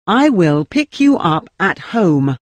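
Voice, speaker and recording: Slow, careful repeat reader for learners. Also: mid-range voice, very animated, no room sound.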